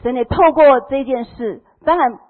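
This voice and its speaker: A woman's voice: high-pitched, normal speed. A middle-aged woman with a Taiwanese Mandarin accent gives an emotional personal testimony to a congregation. She acts out the voices of the people in her story. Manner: emotional storytelling, acting out quoted dialogue. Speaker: church member giving testimony. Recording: tinny phone-like sound.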